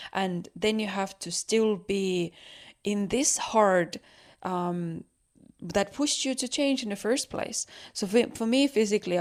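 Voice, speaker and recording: Gravelly-voiced woman giving a pep talk. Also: mid-range voice, a little mellow. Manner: earnest, encouraging, frequent "like" and "um" fillers. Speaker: podcast host. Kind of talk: solo motivational podcast talk.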